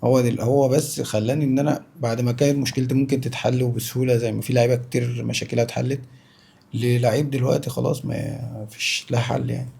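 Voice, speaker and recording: A man's voice: medium pitch, level tone, fast, vocal fry, warm tone, husky. A man with an Egyptian Arabic accent in natural, unscripted interview talk as a guest, insistent and repeating himself for emphasis. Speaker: interview guest, former professional footballer.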